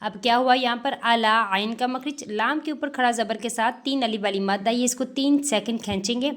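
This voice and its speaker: A woman teaching tajweed step by step, reciting words slowly and drawn out, then explaining the rules and answering her own questions. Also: on the high side. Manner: slow drawn-out recitation of verses between explanations; frequent "theek hai" check-ins.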